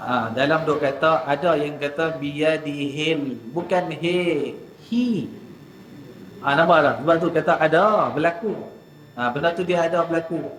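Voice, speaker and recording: A man teaching Quran recitation in a mosque class, drawing out letter sounds slowly before explaining quickly. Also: fairly high pitch, fairly bright tone, slight background noise. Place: mosque hall. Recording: echoey mosque hall with faint ambience.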